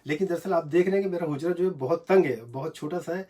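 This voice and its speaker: Husky guy recording a phone lesson in a tiny room, lots of uh's, slowly sounding out syllables. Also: on the high side, mellow. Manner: hesitant, many fillers, repeats syllables slowly. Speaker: Japanese language teacher. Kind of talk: casual home video lesson. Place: small cramped room at home.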